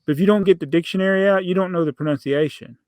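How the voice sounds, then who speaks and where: A man's voice: high-pitched, rapid-fire, darkish tone, no echo. A middle-aged man hosting a podcast, telling rambling stories in a casual chat and laughing often. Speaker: podcast host.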